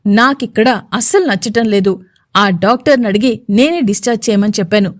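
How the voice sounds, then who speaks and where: A woman's voice: medium pitch, fairly quick, no room sound, clean studio sound, lightly acted. A woman voicing an injured young man who speaks sternly and angrily to defend his partner in an audio story. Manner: stern, warning, angry.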